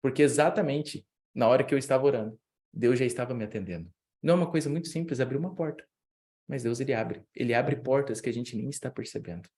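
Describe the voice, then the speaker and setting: Young Brazilian man, youth preacher, animated storyteller who voices the people in his story. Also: quick pace. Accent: Brazilian Portuguese. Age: young adult. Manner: lively storytelling, acts out dialogue with big pitch jumps. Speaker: youth week speaker. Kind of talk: sermon with personal story.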